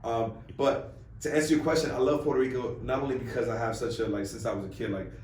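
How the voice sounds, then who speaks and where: A man from New York, a lead actor, talking about his show in a quick, animated and jokey way. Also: mid-range voice. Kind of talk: press junket interview. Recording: roomy, distant mic, faint noise.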